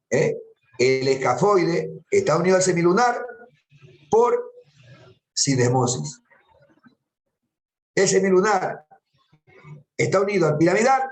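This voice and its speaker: Echoey male anatomy lecturer, high voice. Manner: patient, repeats terms, quizzes students. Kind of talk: classroom lecture.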